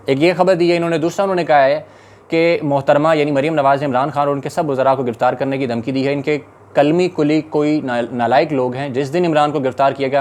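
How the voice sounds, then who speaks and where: A man with a Pakistani Urdu accent delivers rapid-fire political commentary. His tone is urgent and indignant, at a middle pitch. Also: a little mellow.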